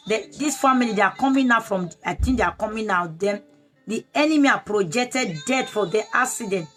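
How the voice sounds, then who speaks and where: A woman's voice: fairly high pitch, fairly bright tone. Fervent woman preaching online. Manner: fervent, repetitive exhortation. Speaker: prayer leader. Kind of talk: online sermon.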